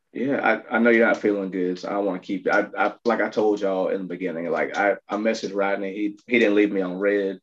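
A podcast host talking earnestly and gratefully with his guest in a casual chat. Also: low-pitched. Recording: dull lo-fi audio.

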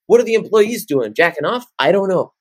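A man in his late teens co-hosting a podcast, rambling through animated casual chat. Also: sits high, fairly quick, no room sound. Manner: rambling, animated, jumps into loud off-key singing. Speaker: podcast co-host.

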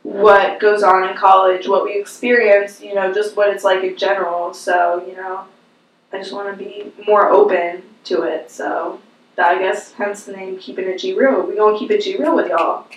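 A woman's voice: medium pitch, little pitch movement, moderate pace. A young woman co-hosting a podcast in casual chat, slangy and playful, laughing as she talks. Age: young adult. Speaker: podcast co-host. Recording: echoey room.

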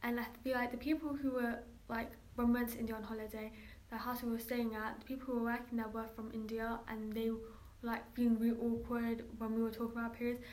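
A woman with a fairly high but flat, even voice, chatting as a guest. She talks loosely, stacking up fillers. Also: fast talker. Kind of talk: casual chat.

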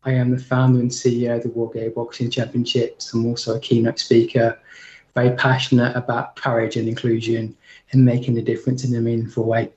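A man's voice: medium pitch, monotone, a little fast, darkish tone, lo-fi sound. Panel guest, man in his forties from the UK, earnest and formal, in a reverberant room. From United Kingdom. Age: 40s. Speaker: guest speaker.

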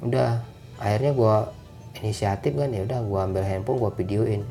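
Slangy, mellow-voiced storyteller man. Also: on the low side, moderate pace, soft background music. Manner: animated, slangy, acts out dialogue. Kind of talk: casual spoken storytime.

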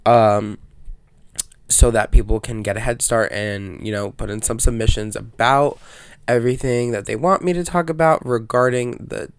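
A man's voice: medium pitch, smooth, dry recording. A man with allergy congestion, hosting a casual solo podcast in a rambling, slangy, self-interrupting way. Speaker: podcast host.

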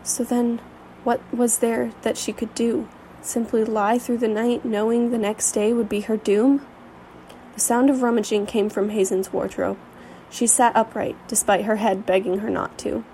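A woman's voice: a little high, little pitch movement, moderate pace, dark tone, a little hiss or hum, poor audio. A woman reading a fantasy story aloud, with occasional slips and restarts. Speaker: reader. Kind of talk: storybook narration.

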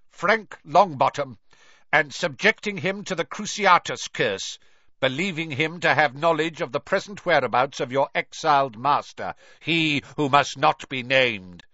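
A man's voice: mid-range voice, big pitch swings, a little slow, hardly any pauses, a bit bright, no room sound, voice pushed up. A man voicing a cold, stern official pronouncing judgment in a court, in a dull, dry recording. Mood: commanding. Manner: cold, commanding.

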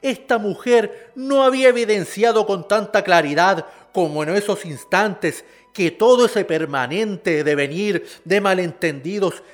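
A man giving measured, somber narration for a radio drama. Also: high voice. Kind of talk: scripted narration.

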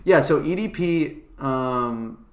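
A young man co-hosting a casual podcast, talking fast and swearing often, with "dude" in nearly every sentence. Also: mid-range voice, expressive, roomy sound. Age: young adult. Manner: fast-talking and profane, says "dude" a lot. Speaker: podcast co-host. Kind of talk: casual chat.

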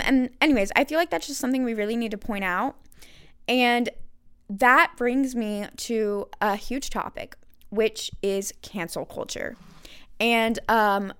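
A woman's voice: medium pitch, a bit bright, clean tone. A woman hosting a solo podcast, talking candidly in a conversational way with frequent fillers and restarts, and a self-described sarcastic streak. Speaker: podcast host.

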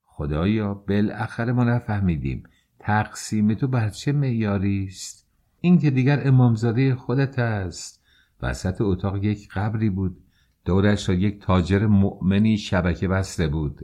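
Brief: male audiobook narrator, low, warm tone, slow emotional delivery. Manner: emotional, slow dramatic reading. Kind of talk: scripted story narration.

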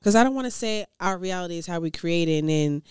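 A young woman in casual podcast chat, animated and affirming, with slangy talk. Her voice sits on the low side and sounds dry and close to the mic. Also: fast, clear, resonant tone, dry recording.

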